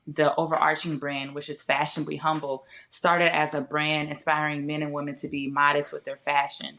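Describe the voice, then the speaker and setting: A woman's voice: sits low, a bit bright. A woman as an interview guest, telling her story in a casual, conversational way, correcting herself and voicing her own thoughts. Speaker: podcast guest, fashion brand founder.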